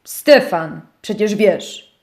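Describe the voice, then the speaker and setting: A woman voicing a grumpy male teddy bear who believes he is a rat, gruff and sulky, in a children's audio story. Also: medium pitch, expressive, extremely slow, darkish tone, pitched below the performer's own voice, full character voice.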